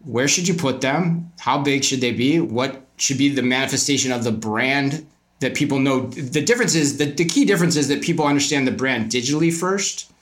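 With a brisk, mid-range voice, a podcast guest talks retail business conversationally, answering interview questions with strong opinions and rhetorical questions.

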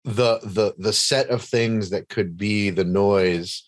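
A man's voice: lowish voice, takes it slowly, no room sound. A man hosting a casual interview, talking in a rambling way with many fillers and restarts. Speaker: podcast host interviewing a guest.

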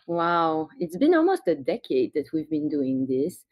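A Belgian woman with a Belgian accent and a low, sing-song voice speaks a little slowly on a dry, muffled recording. She is a brand founder sharing her story as a guest on a podcast interview, chatty and making small restarts.

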